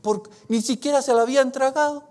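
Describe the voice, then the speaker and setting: High-voiced preaching man, loud then hushed. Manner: swings from loud emphatic bursts to hushed, drawn-out phrases; confessional and earnest, reads scripture aloud. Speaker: pastor. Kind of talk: sermon.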